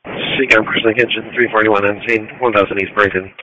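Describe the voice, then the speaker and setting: A man with a fairly low voice radios in as fire crew. He speaks quickly and matter-of-factly in procedural phrases, through a dull, dry radio channel. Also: steady tone, bright, forceful tone, no echo. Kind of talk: clipped fire radio traffic. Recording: dry, muffled two-way radio.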